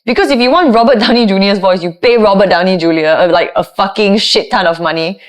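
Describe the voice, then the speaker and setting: This is a woman talking in a podcast interview. Her voice is low, resonant and full. She chats casually and with animation, often ending her lines with "lah". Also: fast. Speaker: guest, voiceover artist.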